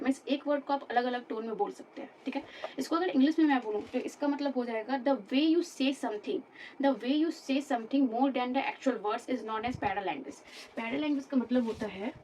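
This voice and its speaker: A woman's voice: on the high side, a little mellow, distant mic, slight background noise. A woman teaching a lecture class, explaining patiently, repeating terms and checking in with her students.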